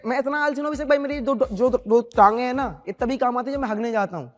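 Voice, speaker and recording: A man's voice: extremely high pitch, fast, big-room sound, heavy background noise. A man doing a self-deprecating stand-up set on a comedy show stage.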